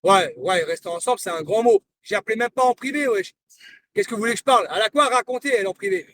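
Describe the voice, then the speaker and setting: High-voiced man ranting confrontationally on a live stream. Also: animated, fast, fairly bright tone, far from the mic, a little hiss or hum. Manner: confrontational, repeats himself, taunting. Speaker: livestreamer. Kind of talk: heated live-stream rant.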